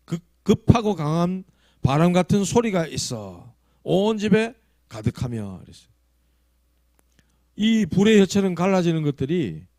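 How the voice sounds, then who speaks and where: A man with a Gyeongsang accent preaches a sermon in a slightly raised, very animated voice. He tells his stories with sudden loud emphasis that falls into quiet asides. The sound is close and dry. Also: on the high side, dry recording. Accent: Gyeongsang Korean. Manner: storytelling, shifting from loud emphasis to hushed asides; acts out quoted prayers and tongues. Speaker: pastor.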